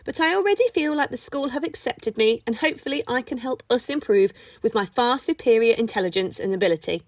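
A woman's voice: on the high side, animated, a little fast, no echo. A woman voicing an arrogant young schoolboy who speaks in a haughty, pompous upper-class voice in a storybook reading.

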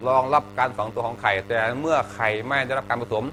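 A man's voice: mid-range voice, fast talker, a bit bright, slight background noise. A male teacher giving a health lesson to students, chatty and joking, often asking the class questions.

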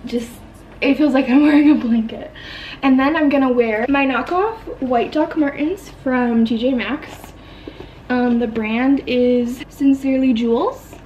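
A woman's voice: high voice, a little slow, a little mellow, lo-fi sound, a little hiss or hum. A woman chatting casually to camera in a day-in-my-life vlog, bubbly and full of "like" and "um". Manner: bubbly, chatty, filler-heavy with "like" and "um". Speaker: vlogger.

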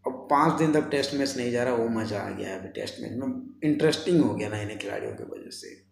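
A man in his twenties gives colloquial sports commentary to camera like a vlogger chatting with friends, calling his viewers "brothers." His mid-range, gravelly voice is sing-song and fast, recorded with a roomy echo and faint background noise.

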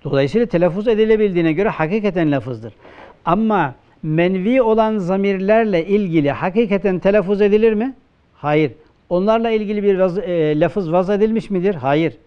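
A man with a Turkish accent, a religious teacher giving a classroom grammar lecture, who poses questions and answers them himself, and slows down to quote texts. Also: high-pitched, clear, resonant tone, muffled recording. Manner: asks questions and answers them himself, slow emphatic quoting.

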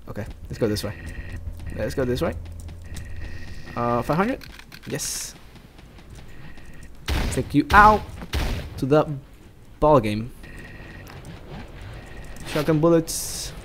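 A man's voice: a little high, slight background noise. A young man from South America giving jokey, rambling let's play commentary while he plays. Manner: rambling, jokey, talks to himself.

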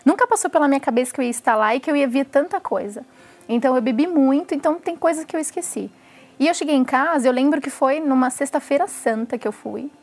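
Brazilian woman, young adult, high voice, earnest emotional testimony, interview setting. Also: fast, a little mellow. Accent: Brazilian Portuguese. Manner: earnest and emotional, tag questions. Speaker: former samba dancer giving testimony.

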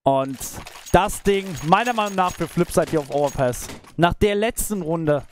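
A man's voice: high-pitched, expressive, normal speed, a little hiss or hum. A man commentating live on a shooter match as an esports caster, in speech. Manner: esports caster delivery, analytical, exclaiming at big plays. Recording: game gunfire and clicks behind voice. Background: video game gunshots.

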